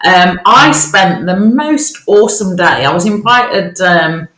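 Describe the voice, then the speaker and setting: A woman's voice: fairly low pitch, lively intonation, slow pace, a bit bright. An Australian woman co-hosting a podcast in casual, upbeat chat, recorded in a new bare office that sounds echoey. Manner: upbeat, chatty, cheerful. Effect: echoey bare room. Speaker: podcast co-host.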